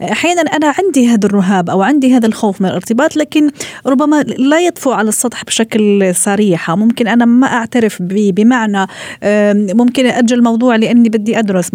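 A woman's voice: medium pitch, darkish tone, no room sound. A woman hosting an interview, thinking aloud in a reflective way. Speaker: talk show host.

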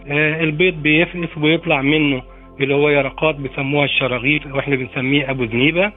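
An Egyptian man explaining informally as an expert, halting often over filler phrases. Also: a little high. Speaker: expert interviewee. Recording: narrow, phone-like sound. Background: faint music.

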